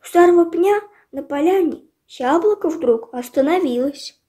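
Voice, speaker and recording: A woman reading a children's fairy tale aloud in calm storybook narration. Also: very high-pitched, normal speed.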